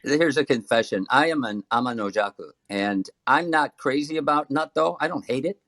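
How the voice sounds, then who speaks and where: A man's voice: medium pitch, expressive, normal speed, a bit bright, dry recording. A man chatting casually as a panelist in a group discussion. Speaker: podcast panelist. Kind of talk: casual chat.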